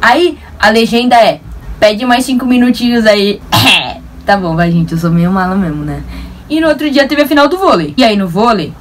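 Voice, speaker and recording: A young woman with a São Paulo Brazilian accent, telling a story to camera in an animated, slangy, self-mocking way. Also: medium pitch, normal speed, far from the mic, slight background noise. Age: young adult. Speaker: vlogger.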